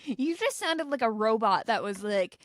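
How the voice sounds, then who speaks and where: Woman podcast host; playful teasing interjector, higher, very animated voice. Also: normal speed, no echo. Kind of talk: casual chat.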